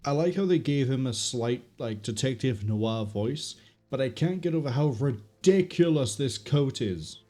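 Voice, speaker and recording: Male let's-player, mid-range and mellow, playful off-the-cuff game commentary. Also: mid-range voice, expressive, a little slow. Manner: playful, wry asides. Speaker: gaming streamer. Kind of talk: casual playthrough commentary.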